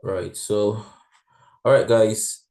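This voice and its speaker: A man's voice: lowish voice, fairly even intonation, extremely slow, gravelly, mellow. A man rehearsing as host of an online event, hesitant and checking details. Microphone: video call.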